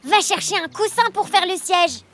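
A woman voicing young bunny characters in a children's storybook reading, with a high childlike voice. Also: expressive, normal speed, fairly bright tone. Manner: demanding, childlike. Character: bossy little bunny boy Ferdinand.

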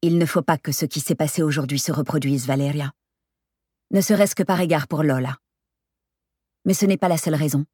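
A composed man who speaks calmly, firmly and in a measured way, as a woman reader voices him. The voice stays low and husky. The reading is close and dry. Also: no room sound. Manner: calm, firm, measured. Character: calm firm adult man, an ex-boyfriend.

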